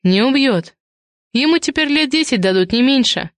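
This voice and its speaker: A woman's voice: high-pitched, expressive, moderate pace, no echo, pitched above the performer's own voice. Woman doing a sarcastic bossy woman. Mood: grim. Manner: snorting, sarcastic, interrogating. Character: sharp-tongued bossy woman Tatyana, mocking.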